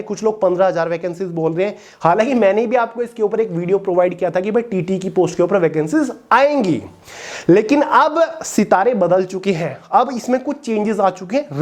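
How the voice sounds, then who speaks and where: A woman's voice: medium pitch, a little mellow. Woman, coaching educator, direct explainer who keeps checking that the audience follows. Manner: direct, checks in with listeners often. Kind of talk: explanatory talk to exam aspirants.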